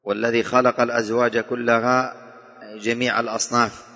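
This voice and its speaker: A man's voice: mid-range voice, little pitch movement, sharp tone. Man teaching Quran commentary in an echoing hall. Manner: slow measured recitation of verses between explanations; dictates to students, repeats points. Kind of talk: classroom Quran commentary lesson. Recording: dull echoing hall recording.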